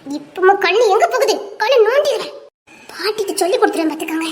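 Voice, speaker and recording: A woman's voice: very high voice, lively intonation, fast talker. An actress playing a sulky, playful young woman who teases her fiancé in a childlike, stubborn way, speaking Tirunelveli Tamil. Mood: teasing. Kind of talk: web series drama acting.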